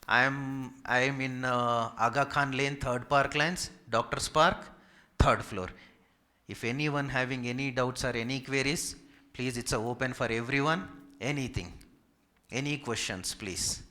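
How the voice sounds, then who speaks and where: A man's medium-pitched voice comes across steady, bright and forceful, never rushed. A physiotherapist from Hyderabad with a Telugu Indian accent, native in Telugu, he gives an informal medical talk that takes audience questions, staying polite while repeating and emphasizing list items.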